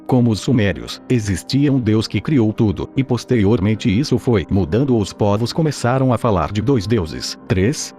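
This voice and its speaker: A man's robotic text-to-speech voice reading a scripted explainer narration in a steady, even, machine-like way. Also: fairly low pitch.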